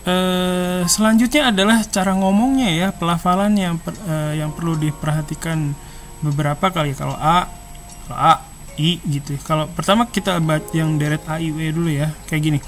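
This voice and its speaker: A language teacher giving a casual online lesson, chatting and slowly repeating syllables to demonstrate how they sound. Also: medium pitch, steady tone, slight background noise.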